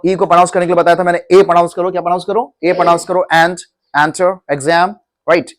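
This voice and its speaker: In a coaching classroom, a man teaches pronunciation in a high, level voice at a quick pace. He calls the students "beta" and drills the class by asking questions and repeating them.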